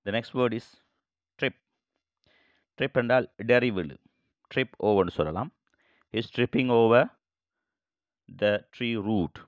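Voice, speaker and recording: Low-voiced guy teaching english words real slow, dry close sound. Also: dry recording, muffled recording. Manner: slow, deliberate, repeats each phrase then translates. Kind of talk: bilingual vocabulary lesson.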